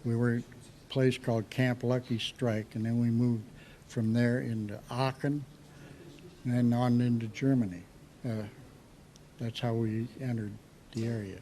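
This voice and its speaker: Slow-talking elderly American veteran, remembering. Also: male voice, mid-range voice, flat delivery, warm tone. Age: 80s. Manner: old veteran remembering, halting and reflective. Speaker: World War II veteran being interviewed. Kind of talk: recounting war memories in an interview.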